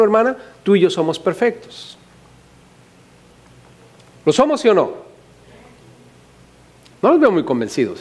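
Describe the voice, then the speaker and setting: Brief: Mexican male pastor, fairly high voice, lively and joking, firing rhetorical questions at the pews. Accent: Mexican Spanish. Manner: animated, humorous, asks the congregation many questions. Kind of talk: sermon.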